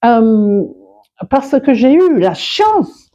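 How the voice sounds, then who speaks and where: A woman's voice: a little high, sing-song, drawn-out words, mellow, dull audio. A woman who works as a public speaker and coach, talking expressively in an interview, laughing often and restarting her sentences. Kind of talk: interview conversation.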